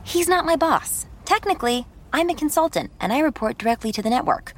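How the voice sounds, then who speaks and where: A woman's voice: high-pitched, expressive, brisk. An actress voicing a young American woman on a work trip, narrating her own story in the first person with a wry, self-deprecating manner. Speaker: narrator and lead.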